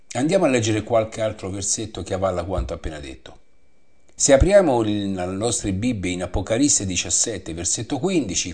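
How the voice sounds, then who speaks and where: A man teaching a Bible study, reading scripture aloud and explaining it in a measured way that repeats the references. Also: fairly low pitch, darkish tone, slightly rough.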